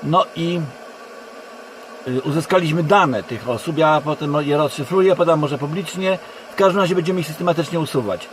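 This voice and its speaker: A Polish man giving a rambling monologue to camera from inside a car, speaking haltingly and often correcting himself. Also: fairly high pitch. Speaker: online video creator. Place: inside a parked car in a forest. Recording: constant background noise in a car. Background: steady background hum.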